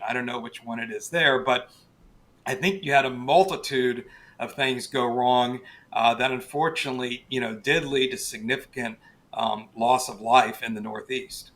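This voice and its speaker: A man speaking as an interview guest and weather expert, explaining conversationally in a halting way with emphatic stresses. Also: medium pitch, a bit bright. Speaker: guest, television chief meteorologist.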